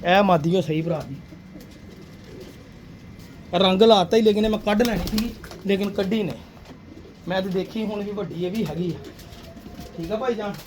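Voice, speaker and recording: Man, high voice, persuasive pigeon seller, faint cooing of pigeons behind. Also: normal speed, pauses often, background noise. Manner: persuasive, addresses viewer as sir and brother. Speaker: pigeon seller showing birds. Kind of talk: casual sales pitch.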